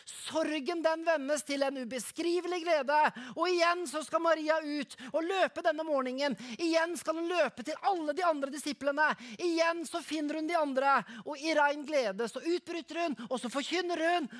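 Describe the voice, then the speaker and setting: A woman preaching, retelling a story slowly and dramatically, then leading a prayer, often falling to a soft hush. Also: high-pitched.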